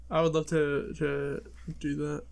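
Gravelly young man rambling. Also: a little high, little pitch movement, a little slow. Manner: rambling, full of likes and ums. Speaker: podcast co-host. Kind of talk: casual chat.

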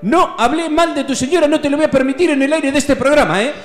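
A man putting on a hot-tempered, preachy Argentine football pundit who scolds and shouts, in a comic radio sketch. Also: very high-pitched, fast, soft background music. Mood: outraged. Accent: Argentine Spanish.

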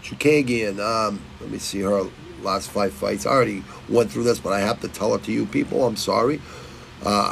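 A man's voice: mid-range voice, gravelly, fairly bright tone, slight background noise, rough recording. A middle-aged man, rambling and swearing through his fight betting picks and stumbling over fighters' names. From Massachusetts. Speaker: fight picks channel host. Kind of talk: casual betting picks talk.

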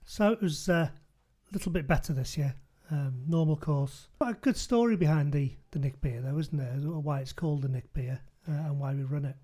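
A chatty man hosts a relaxed podcast conversation, his voice sitting fairly high for a man. His tone is mellow and soft-edged, and he keeps tossing tag questions back to his guest. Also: moderate pace. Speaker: podcast host. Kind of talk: casual podcast chat.

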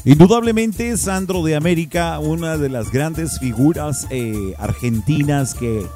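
A man's voice: a little high, a little slow, music in the background. A man with a Mexican accent hosting a radio show in a casual, slangy, jokey way. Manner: slangy, jokey, often laughing. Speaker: radio host.

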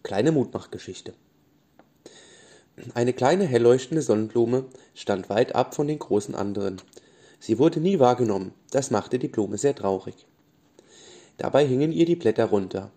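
A man gently reading bedtime stories for children, with small restarts now and then. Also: mid-range voice, expressive, measured pace, pauses often. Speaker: storyteller.

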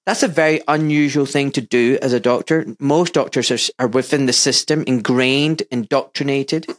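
Speaking at a moderate pace with a medium pitch, a man in his fifties from Glasgow, Scotland, shares his story in a candid interview. The guest is a surgeon with a mild Scottish accent who talks earnestly and emphatically.

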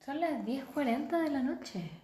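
A young woman with a Chilean accent, co-hosting a podcast in relaxed storytelling banter. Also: sits high, normal speed. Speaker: podcast co-host. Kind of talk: casual chat. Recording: roomy echo.

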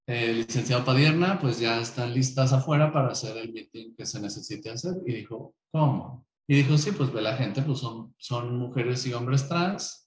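A man's voice: medium pitch, roomy sound, a little hiss or hum, low-quality recording. A man with a Mexican accent telling a personal story as a guest, acting out the quotes as he goes. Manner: animated retelling with acted-out quotes.

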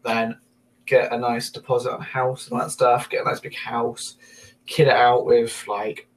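Chill podcast guy, lots of ums, kinda hesitant, normal pitch. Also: monotone, normal speed, low-quality recording. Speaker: podcast co-host. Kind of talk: casual chat.

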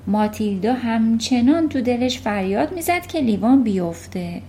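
A woman narrating a children's novel in a calm storytelling manner. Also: fairly high pitch, a little hiss or hum. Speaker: audiobook narrator. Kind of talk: children's audiobook reading.

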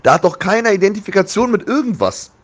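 A man's voice: high voice, animated, quick pace. A man chatting casually about football as an opinionated fan, with a blunt, slangy, exasperated way of griping.

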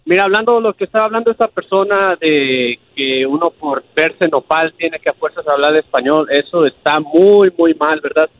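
A man's voice: on the high side, moderate pace, few pauses, dry recording. A man from Mexico with a Mexican accent, calling in to a radio show and talking earnestly, often ending with a tag question. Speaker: caller. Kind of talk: phone-in call. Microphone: telephone. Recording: dull phone line.

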